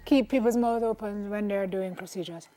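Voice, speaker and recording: A woman's voice: mid-range voice, moderate pace, warm tone, soft background music. A woman in playful casual banter, at times slurring as if her lips are held open. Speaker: morning show host. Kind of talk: playful casual banter during a party game.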